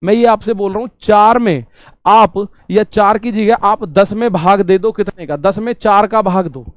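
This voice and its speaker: High-voiced chatty math teacher. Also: male voice, moderate pace, no echo. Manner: chatty, repeats questions to students, everyday examples. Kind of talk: online exam-prep class.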